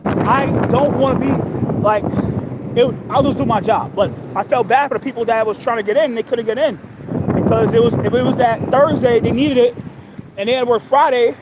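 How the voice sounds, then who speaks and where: A man in his thirties from New York, talking in a rambling, halting monologue full of restarts. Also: very high-pitched, fairly even intonation, heavy background noise. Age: 30s. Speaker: livestream host.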